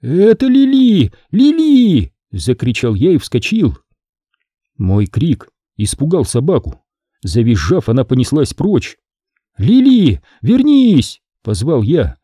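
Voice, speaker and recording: A man voicing an earnest, excitable boy in an audiobook story. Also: mid-range voice, unhurried, slightly rough, no room sound, studio quality. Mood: alarmed. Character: worried boy, polite and excitable.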